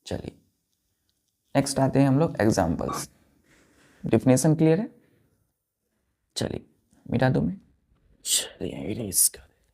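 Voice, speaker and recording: A man teaching a science class who spells words out letter by letter and keeps asking the pupils if it is clear. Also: medium pitch, very animated, measured pace, pauses often, dark tone. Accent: Indian English. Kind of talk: classroom lesson at a board.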